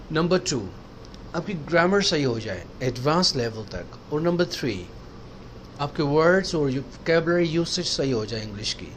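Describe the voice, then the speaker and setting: A man teaching a recorded spoken-English lesson, explaining slowly and repeating example words to model pronunciation. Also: on the high side, fairly bright tone, a little hiss or hum.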